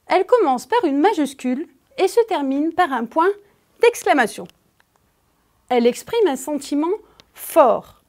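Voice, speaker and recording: A French woman gives a grammar lesson to a child, talking straight to the pupil. Her voice sits high and moves a great deal, and she speaks slowly. She leans hard on the important words. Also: darkish tone. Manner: slow, emphatic, addresses the pupil directly. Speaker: teacher.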